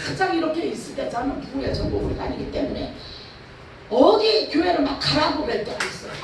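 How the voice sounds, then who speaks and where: A woman's voice: high voice, big pitch swings, fairly quick. A woman pastor from Chungcheong with a Chungcheong Korean accent, preaching a revival sermon with emphatic rhetorical questions. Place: church or prayer house hall. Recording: echoey hall, far from the mic, faint noise.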